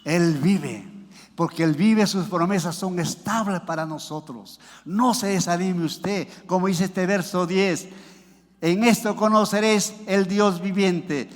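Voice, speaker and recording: A man's voice: high-pitched, measured pace, long reverb tail. A man preaching a sermon with fervor, reading scripture verses aloud and calling out to his listeners. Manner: fervent preaching, with many "hermano" and "aleluya". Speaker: pastor.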